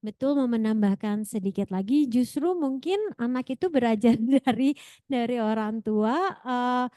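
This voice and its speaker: A woman's voice: a little high, normal speed, dark tone, dry recording, clean studio sound. A woman moderating an academic seminar Q&A, reading out questions, friendly and laughing often. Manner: friendly, laughs often, rephrases as she goes.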